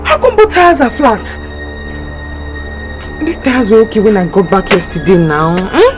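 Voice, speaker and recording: A woman's voice: medium pitch, wildly swooping pitch, moderate pace. A woman with an Igbo-influenced Nigerian accent acting a harried, pleading young working woman in a film drama. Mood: flustered. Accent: Nigerian, Igbo-influenced English. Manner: pleading, exclamatory. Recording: music behind the dialogue.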